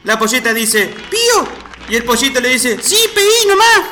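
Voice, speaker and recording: A man's voice: very high voice, very animated, normal speed, reverberant, over a noisy crowd, very noisy. A man playing a male Sicilian-style comic who slips in Italian words. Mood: jokey. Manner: rambling punchlines with Italian words. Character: Sicilian-flavored male joke-teller. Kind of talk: comedy sketch.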